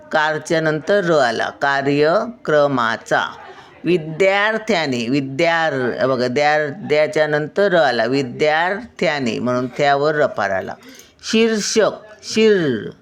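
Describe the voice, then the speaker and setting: A patient older woman leads a children's spelling lesson, speaking at an unhurried, deliberate pace. She says each word, breaks it into syllables, then repeats it whole. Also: low-pitched. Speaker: teacher of young children.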